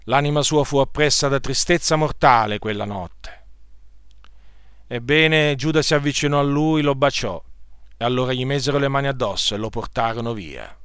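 A man's voice: medium pitch, moderate pace, fairly bright tone, clean tone, no echo, clean studio sound. A man preaching a sermon, earnestly retelling a scripture story and repeating phrases for emphasis.

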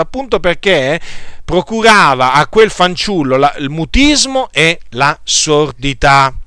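A man delivers a teaching sermon straight to his listeners, stopping often to fill gaps and restart his sentences. His voice is bright and forceful, smooth and crisp. It sits a little high, recorded dry and close. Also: no echo. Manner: hesitant, halting, many filler sounds and restarts; addresses listeners directly. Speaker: preacher. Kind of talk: teaching sermon with scripture reading.

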